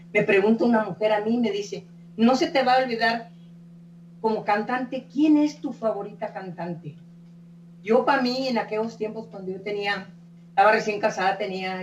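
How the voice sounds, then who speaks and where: A woman's voice: mid-range voice, darkish tone, highs cut off. An older woman singer, telling stories in a chatty, folksy way full of "¿eh?" tags. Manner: chatty, folksy, frequent "¿eh?" tags and repeated words. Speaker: singer being interviewed. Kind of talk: warm, rambling storytelling interview. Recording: echoey room, voice from a distance, faint hum.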